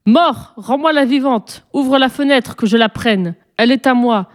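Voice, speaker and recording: A woman's voice: fairly high pitch, unhurried, voice pushed up, close to an everyday voice. A woman doing a menacing male vampire. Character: commanding male vampire calling through window.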